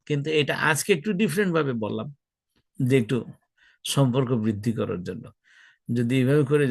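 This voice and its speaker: A man's voice: medium pitch, no echo. Middle-aged male Islamic lecturer, conversational, questions the audience, drawls his key words. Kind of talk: religious talk to an audience.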